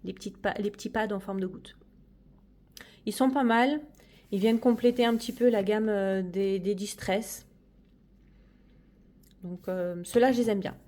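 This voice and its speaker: A woman's voice: mid-range voice, steady tone, unhurried, pauses often, dark tone. A woman chatting casually through a tour of her coloring corner, hesitant and friendly. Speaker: coloring hobby vlogger. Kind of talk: casual room tour chat.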